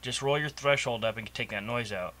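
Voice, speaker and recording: A man with a mid-range voice and a sharp tone talks a little fast as he casually covers home recording on a cheap mic. He's in a home room with a computer running and an open door, and he rambles with ums and restarts.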